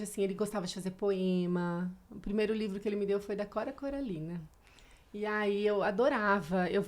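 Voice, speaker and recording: A Brazilian woman in her thirties, a podcast guest telling her own story in a reflective, emotional way. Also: mid-range voice. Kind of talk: casual podcast conversation.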